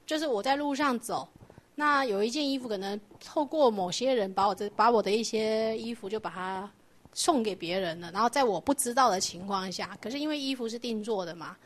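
A woman teaching a Buddhist doctrine lecture, explaining patiently and asking her class rhetorical questions. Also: medium pitch.

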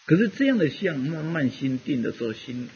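A man's voice: on the high side, big pitch swings, fairly quick, darkish tone, dull audio, a little hiss or hum. A man giving a rambling, conversational Buddhist dharma talk, full of fillers as he teaches.

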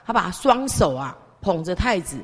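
A woman's voice: on the low side, big pitch swings, normal speed, breathy edge, long reverb tail. A woman teaching a class by telling a Buddhist story. She keeps asking the listeners questions and draws her words out with little particles.

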